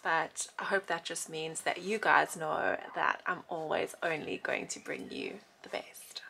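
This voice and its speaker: A woman's voice: sits low, sing-song, a little slow, creaky, pushed and bright, slight background noise. A woman, chatting enthusiastically to a handheld camera about her finds. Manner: chatty, enthusiastic show-and-tell. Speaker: vlogger. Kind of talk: casual vlog chat to camera. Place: outdoors on a town street, then inside a small boat cabin. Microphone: handheld camera at arm's length.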